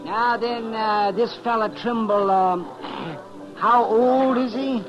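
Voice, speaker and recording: An American actor playing a crotchety, stingy older frontier doctor in a 1950s radio western, querulous and hemming. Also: male voice, sits high, slow. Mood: testy. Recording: muffled vintage radio recording with music.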